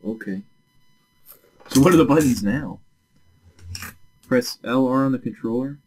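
A young man giving casual, excitable gameplay commentary as a let's play host. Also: medium pitch. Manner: excitable, quick reactions.

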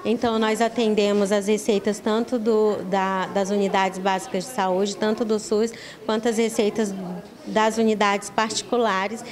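Using a medium pitch with little pitch movement and a normal speed, a middle-aged Brazilian-accented woman explains matters in an interview answer, occasionally repeating words. She is a spokesperson for municipal pharmacy staff, recorded on a handheld reporter's mic indoors in a small, busy pharmacy office with busy chatter behind.

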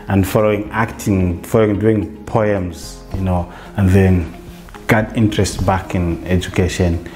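A low-pitched Zambian man in his 40s, working as a theatre facilitator, gives a relaxed, reflective interview in a bright living room. His speech includes restarts and frequent "you know."

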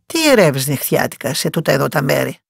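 A woman voicing a wise, consoling old village woman in a bedtime story, low and slow. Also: vocal fry, soft background music.

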